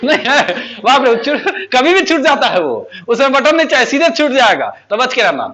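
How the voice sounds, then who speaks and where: A man teaches a basic English class in a very high, bright, ringing voice. He jokes and laughs often, firing repeated questions at his students to keep them answering. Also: big pitch swings, moderate pace, highs cut off. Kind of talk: joking classroom lesson.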